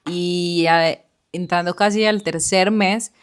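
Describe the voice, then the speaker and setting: A woman's voice: lowish voice, steady tone, takes it slowly, clear, resonant tone. A woman co-hosting a podcast, earnestly telling her own experience and speaking directly to the listener. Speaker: podcast co-host. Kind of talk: personal storytelling chat.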